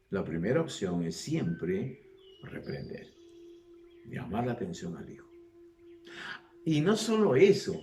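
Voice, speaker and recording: A man with a medium-pitched voice preaches a sermon in an animated way, posing rhetorical questions and doing voices for the people he describes. The sound is roomy.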